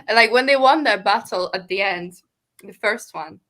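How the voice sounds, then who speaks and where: At medium pitch and normal speed, a woman with a slightly bright voice co-hosts a book podcast, chatting casually over a video call. She rambles, leaning heavily on "like" as filler.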